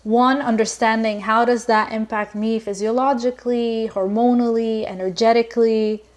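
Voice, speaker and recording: With a fairly high pitch, steady tone, and moderate pace, a woman from Lebanon talks casually as a guest on a podcast. She comes across earnest and reflective, using many fillers and restarting often.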